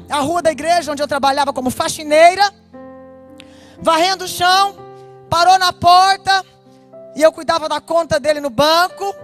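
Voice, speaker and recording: A woman pastor with a Brazilian Portuguese accent giving an animated personal testimony, speaking straight to her listeners. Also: very high voice. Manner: animated storytelling, addresses listeners directly. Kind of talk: personal testimony told to a congregation.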